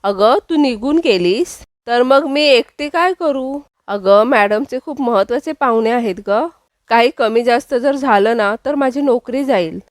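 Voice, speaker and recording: A woman voicing a worried cook who begs a coworker to stay, pleading and higher-pitched. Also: unhurried, no room sound, clean studio sound, natural voice. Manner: pleading, begging.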